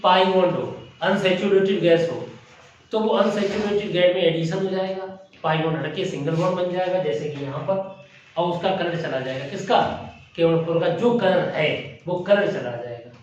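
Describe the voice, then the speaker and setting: A man teaching a chemistry class, quizzing his students with quick questions. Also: high-pitched, slight background noise. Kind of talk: classroom lecture. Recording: echoey muffled room from far off.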